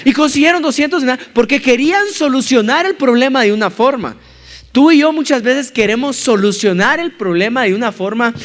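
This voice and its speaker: Animated high-voiced male pastor, hall reverb. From Colombia. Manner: animated storyteller acting out scenes. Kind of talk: sermon with humorous personal story.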